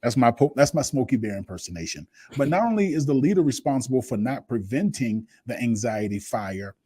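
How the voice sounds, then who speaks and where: A man's voice: mid-range voice, lively intonation, fairly quick, warm tone, husky, dry recording. A man co-hosting a leadership podcast, explaining ideas earnestly through extended metaphors. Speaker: leadership coach co-host. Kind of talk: podcast talk.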